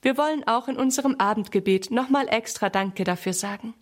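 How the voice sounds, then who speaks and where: A woman's voice: fairly high pitch, fairly quick, close to an everyday voice. Woman reading as a praising dad, encouraging, storybook. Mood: approving. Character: warm, praising father.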